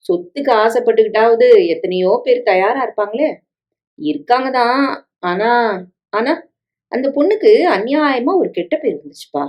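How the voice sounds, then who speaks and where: A woman's voice: fairly high pitch, expressive, normal speed, pauses often, darkish tone, natural voice. A woman voicing a scheming middle-aged stepmother who coaxes, pleads and guilt-trips, in a story reading with dialogue. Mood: persuasive. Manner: coaxing, pleading, guilt-tripping.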